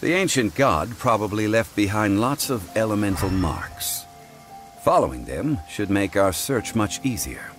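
Formal and learned game figure, unhurried and lecturing, low voice over soft music. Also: male voice, lively intonation. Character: calm scholarly man, learned and formal. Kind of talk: game voice acting.

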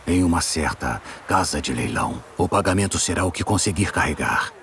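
An actor playing a gruff, terse, unflappable monster hunter in a dubbed video game, with a dry deadpan manner. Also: male voice, deep voice, brisk, a little hiss or hum, full character voice. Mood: dry, calm.

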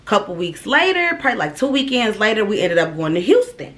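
A young woman in her twenties from Ohio vlogs from a small indoor room, telling her story to viewers in a casual, animated way and calling them "y'all." Her voice is mid-range and fairly quick.

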